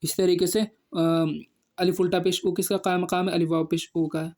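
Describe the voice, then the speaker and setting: A man with a Pakistani Urdu accent teaching Quran reading, drawing out syllables slowly, then explaining quickly. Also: high-pitched, flat delivery, a little mellow. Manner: patient drill, slow drawn-out syllables, quick explanations. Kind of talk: spelling out and blending syllables for learners.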